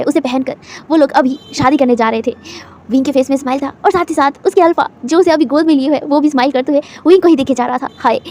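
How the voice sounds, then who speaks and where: A woman's voice: sits high, darkish tone, a little hiss or hum. A woman casually retelling her own fan fiction story, chatty and full of little asides.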